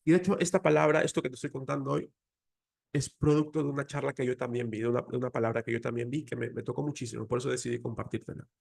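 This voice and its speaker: A man's voice: mid-range voice, steady tone, quick pace, creaky, darkish tone, husky. A man with a Mexican Spanish accent giving an emotional, earnest faith talk, telling a personal story. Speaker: faith speaker.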